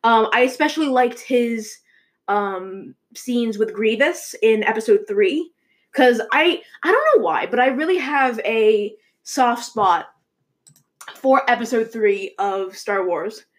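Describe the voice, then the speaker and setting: A young woman with a somewhat high voice talks through movie news like a show host. She rambles along in a loose, casual way, full of fillers and restarts. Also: slow pace.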